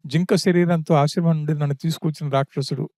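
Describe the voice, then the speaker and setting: A man's voice: fairly high pitch, fairly even intonation, fast, mellow, dry recording, studio quality, close to an everyday voice. A man voicing a grieving prince who reproaches his younger brother, read in an audiobook of an epic. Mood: reproachful.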